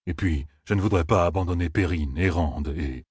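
A man voicing a slow, timid giant scholar. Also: sits low, darkish tone, slightly rough, no room sound, clean studio sound. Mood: plaintive. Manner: slow, hesitant, mumbling. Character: gentle giant male Ogier scholar, timid.

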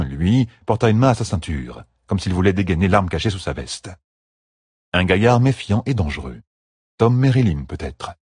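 Deep husky male audiobook narrator. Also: dry recording, clean studio sound. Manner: steady, expressive reading.

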